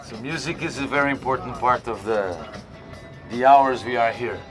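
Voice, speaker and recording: A man, a maritime police officer, explaining his night patrol in a plain, slightly halting way on a boat outdoors. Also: mid-range voice, over music. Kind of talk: on-location interview. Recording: distant mic with loud boat and wind noise.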